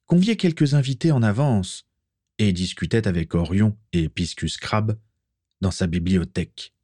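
A man reads a story aloud in a low voice, with steady and measured pacing. The recording is dry and close, with no room around him. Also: no echo. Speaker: reader. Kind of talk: storybook reading.

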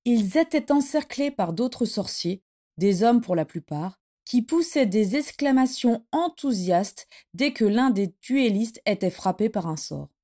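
Woman narrator, audiobook, steady and measured, mellow voice. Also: fairly high pitch. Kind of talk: audiobook narration of fan fiction.

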